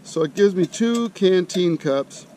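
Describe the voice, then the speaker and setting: A middle-aged American man hosting an outdoor cooking channel demonstrates camp cooking, chatting in a folksy, colloquial way and thinking aloud. His voice is animated and a little slow. The outdoor recording carries a loud ambient rumble.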